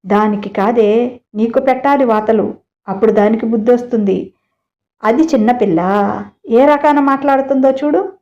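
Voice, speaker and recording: A woman's voice: on the high side, moderate pace, pauses often, dark tone. A woman narrating a family drama story, reading every character's lines in her own voice. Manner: reads all characters in one plain voice. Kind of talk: storybook narration with acted dialogue. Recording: dull lo-fi recording.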